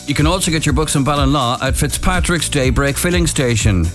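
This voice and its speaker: A male bingo caller with an Irish accent calls out numbers over a clear music bed. His pitch moves in lively swings, and his delivery is measured and formulaic, in a radio announcer's style.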